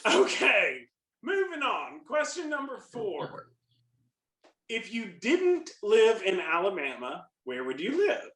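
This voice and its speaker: A man's voice: high voice, huge pitch swings, slow, a bit bright. A man co-hosting a podcast interview over a video call, playful and teasing. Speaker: podcast co-host. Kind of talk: casual interview chat. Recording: roomy echo.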